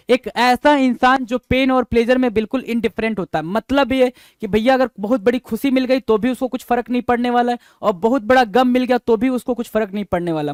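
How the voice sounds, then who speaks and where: Man, vocabulary teacher, exam-prep lesson, spells words letter by letter, quizzes the class, smooth voice, dry close sound. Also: sits high, no echo. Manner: repeats each word and spells it out letter by letter; keeps asking students rhetorical check questions.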